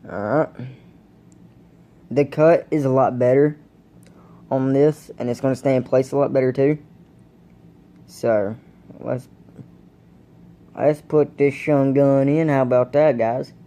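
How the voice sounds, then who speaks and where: Slow-talking man with hiccups. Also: medium pitch, fairly even intonation, warm tone. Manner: laid-back, rambling, addresses viewers as guys. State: has the hiccups. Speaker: vlogger reviewing dip tobacco. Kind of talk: casual vlog chat. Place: indoors at home, camera propped on a blanket.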